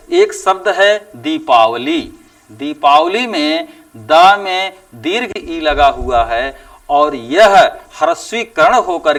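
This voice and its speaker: Male teacher, higher-pitched and gravelly, drawn-out deliberate lecturing. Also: a bit bright, far from the mic. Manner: slow and deliberate, stretching out example sounds with emphatic rises. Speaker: Hindi teacher. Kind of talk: classroom lecture.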